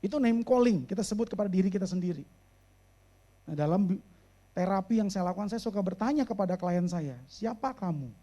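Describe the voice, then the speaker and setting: A man preaching a sermon and speaking as a therapist. He mixes English phrases into his speech, slows down and raises his voice to stress a point, and drops low and quiet for serious moments. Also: lively intonation. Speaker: pastor and therapist.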